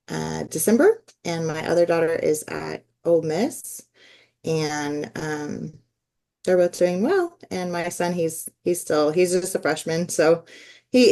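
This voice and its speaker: A woman's voice: low voice, vocal fry, a little mellow. A woman from California who is losing her voice, giving a rambling, self-correcting introduction as a graduate student and teacher on a video call. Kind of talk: casual self-introduction in a group meeting.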